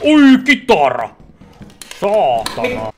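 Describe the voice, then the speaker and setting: A young man streaming a game with friends, panicking, shrieking and swearing nonstop. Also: on the high side. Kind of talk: loud gaming banter. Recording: steady background noise.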